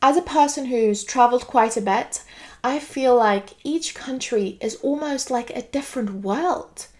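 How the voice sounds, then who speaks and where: A woman's voice: a little high, unhurried, a little mellow. A woman from Greece delivering an earnest, lecturing monologue. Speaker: political video commentator. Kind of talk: scripted monologue to camera.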